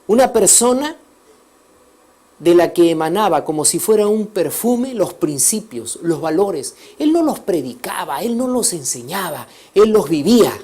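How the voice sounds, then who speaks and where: A man telling a religious story as a sermon, swinging between loud emphasis and soft, hushed passages. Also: high-pitched, sing-song, measured pace, breathy edge. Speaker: teacher of a religious course. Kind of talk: preaching storytelling.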